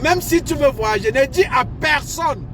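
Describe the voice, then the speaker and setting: A man with a strikingly high voice lectures his viewers, hammering home each point by repeating it. He talks outdoors near a street, and the sound of passing traffic comes through clearly. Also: expressive, measured pace, crowd noise. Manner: lecturing, repetitive, emphatic. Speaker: advice vlogger. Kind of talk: casual advice monologue.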